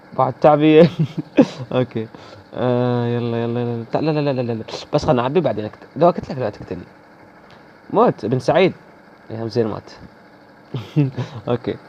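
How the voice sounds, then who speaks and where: A man's voice: mid-range voice, fairly quick, long pauses, mellow, highs cut off, slight background noise. A man with an Iraqi accent commenting live on his gameplay, teasing opponents and chatting to viewers. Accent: Iraqi Arabic. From Iraq. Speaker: gaming video host.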